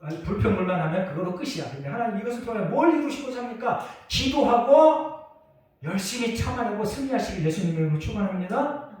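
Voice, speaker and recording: A middle-aged male pastor preaching a sermon and telling a personal story, with emphatic swings between loud outbursts and hushed asides. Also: sits high, expressive, quick pace. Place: church sanctuary. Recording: echoey church hall from far off.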